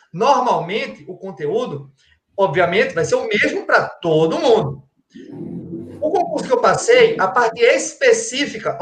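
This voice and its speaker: With a very high, slightly bright voice, this guest, a forensic crime-scene expert from Pernambuco, Brazil, gives an explanatory, conversational talk in a roomy, echoing space. He teaches in a colloquial style, asking rhetorical questions and frequently adding "tá?".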